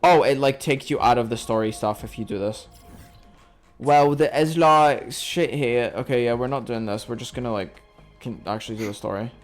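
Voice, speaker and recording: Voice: mid-range voice, moderate pace, faint music behind. Playful streamer with put-on British accent. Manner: chatty, playful, swears freely. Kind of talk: casual gaming commentary.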